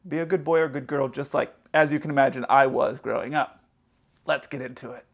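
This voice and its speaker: A man's voice: mid-range voice, gravelly, a little hiss or hum. A man in his thirties, an airline pilot, telling stories casually to the camera in a hotel room and acting out other people's lines. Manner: animated, acts out other people's lines in quick quoted bits.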